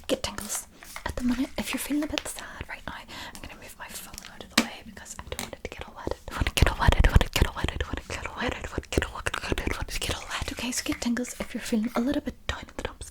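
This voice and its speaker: A young woman doing a whispered role-play in fast, aggressive ASMR style, insistently repeating and stuttering words in rapid bursts. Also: fairly high pitch. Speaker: ASMR video creator.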